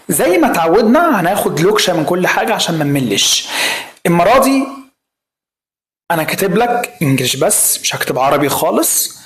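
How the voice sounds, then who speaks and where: An Egyptian man teaching English online, his pitch jumping around lively as he drills each word again and again. He coaxes and teases the learner between repetitions. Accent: Egyptian Arabic. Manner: drills each word by repeating it many times; coaxing, teasing asides to the learner. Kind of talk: online language lesson.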